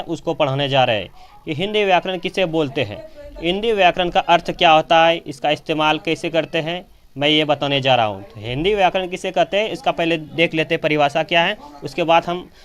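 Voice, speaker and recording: Filmed by a camera operator, a man teaches a grammar lesson as a classroom lecture, posing questions and answering them himself and often repeating key phrases. His voice is on the high side and a bit bright.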